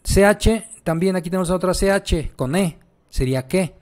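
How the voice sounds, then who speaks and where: A man's voice: sits high, moderate pace, a little mellow. A man teaching a pronunciation lesson, patiently repeating each sound and checking in with the learner. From Mexico. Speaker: language teacher.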